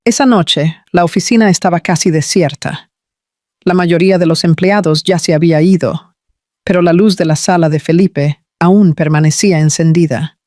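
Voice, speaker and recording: A man narrating a scripted romance story in an even, measured way. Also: on the high side, no echo, clean studio sound.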